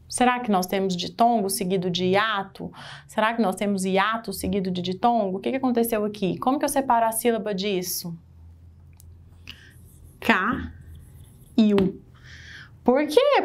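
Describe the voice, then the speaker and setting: A woman with a Brazilian Portuguese accent teaching an exam-prep grammar lesson in a lively way, asking the class questions as she goes. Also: mid-range voice, brisk.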